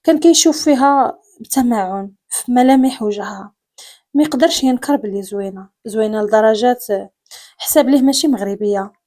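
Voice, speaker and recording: A woman with a Moroccan accent narrating a dramatic story in a steady storytelling manner. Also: fairly high pitch, a little fast. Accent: Moroccan Arabic.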